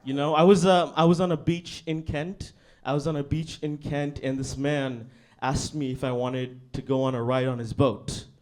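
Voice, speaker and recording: A young Bangladeshi comic does stand-up at a comedy club, his deadpan, relaxed delivery full of "you know what I mean." He talks at normal speed with a medium-pitched voice.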